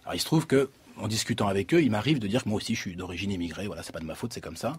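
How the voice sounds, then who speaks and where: A French-born male teacher and author answering interview questions, halting and repeating words as he thinks. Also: lowish voice, slightly rough. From France.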